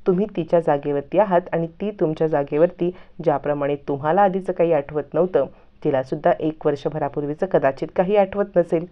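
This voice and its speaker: A woman's voice: deep voice, brisk, lo-fi sound, lightly acted. A woman voicing a patient counselor who earnestly explains to a husband how he should care for his wife.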